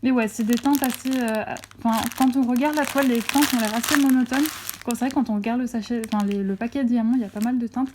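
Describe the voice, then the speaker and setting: A woman's voice: on the high side, fairly even intonation, fast, background noise. A young woman vlogging casually at home, unboxing a craft kit with many fillers and self-corrections. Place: at home near a window. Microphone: phone camera.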